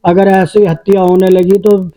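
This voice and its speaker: High, mellow-voiced man making insistent demands. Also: little pitch movement, a little slow, rough recording. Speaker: community member demanding justice. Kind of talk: field interview statement.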